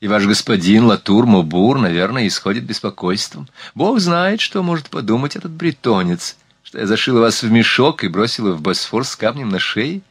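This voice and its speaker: A man's voice: lowish voice, animated, moderate pace, hardly any pauses, husky, no room sound. A man reading aloud, voicing a worldly, gracious sultana who speaks in a slightly whispery, lisping, confiding way. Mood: teasing.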